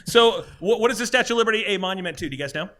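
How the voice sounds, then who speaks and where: A man's voice: high-pitched, expressive, racing, sharp tone. A man hosting a live podcast among friends, joking around and quizzing the group with trivia. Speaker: podcast host. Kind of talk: casual group chat.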